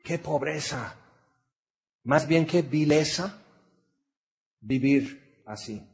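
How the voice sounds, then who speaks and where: A man with a Mexican accent delivers a sermon slowly and deliberately, his voice sitting a little high. He swings between raised emphasis and quiet, hushed lines. He often turns to his listeners with direct rhetorical questions. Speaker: preacher.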